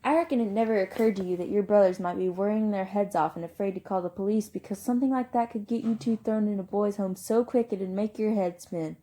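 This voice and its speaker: A woman voicing an angry, overbearing young man who shouts and scolds as guardian of his younger brother. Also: high-pitched, quick pace, creaky. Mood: furious, scolding.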